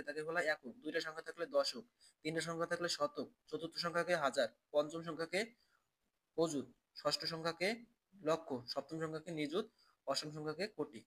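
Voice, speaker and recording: Male teacher, a bit higher-pitched, with a patient, repetitive question-and-answer drill for children. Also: a bit bright. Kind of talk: classroom math lesson.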